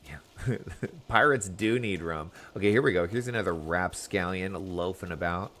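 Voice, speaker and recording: A man's voice: low voice, moderate pace, fairly bright tone, slight background noise. A man giving casual live commentary as a game streamer, chatty and wry.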